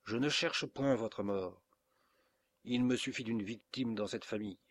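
A man's voice: mid-range voice, measured pace, lightly acted. A man voicing a grave, threatening mysterious stranger in an audiobook. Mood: menacing. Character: cold menacing mysterious male stranger. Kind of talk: audiobook character reading.

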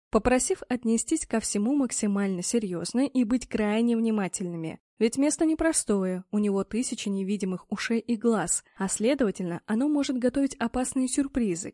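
A woman narrating a novel in a measured, steady manner. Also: a little high, dry recording, clean studio sound. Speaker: audiobook narrator. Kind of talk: scripted narration.

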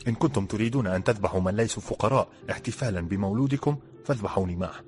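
A man's voice: fairly low pitch, rapid-fire, darkish tone, faint music behind, close to an everyday voice. A man voicing a brave, loyal young boy in a storybook, speaking with impassioned pleading. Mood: defiant.

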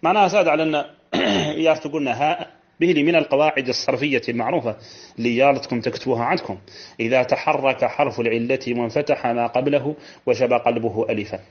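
Brisk sheikh teaching grammar. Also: male voice, mid-range voice, fairly even intonation. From Mauritania. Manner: explains step by step, repeating key phrases, with colloquial asides. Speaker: teacher of Arabic morphology. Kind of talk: classical grammar lesson explaining a verse text. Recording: dull lo-fi lesson recording.

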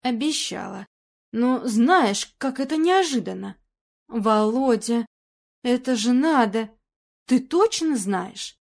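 A jittery aging actress, flustered and anxious, her questions tumbling out one after another, as a woman reads her in a storybook. She sounds uneasy and quick to startle. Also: a little high, animated, gravelly, heavily acted. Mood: shaken. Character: nervous aging woman film actress, jumpy.

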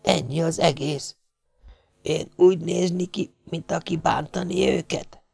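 A man's voice: on the high side, fairly even intonation, creaky, darkish tone, husky, dry recording, clean studio sound, voice pushed up, heavily acted. A man voicing a dying, wounded male ship's cook who whispers faintly in broken grammar. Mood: pleading.

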